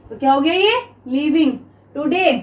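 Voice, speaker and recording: In a classroom, an Indian-accented woman teaches shorthand, reading out sentences slowly for dictation in a high, animated voice at a moderate pace. She coaches her pupils, frequently checking they understand and repeating "clear?" and "students."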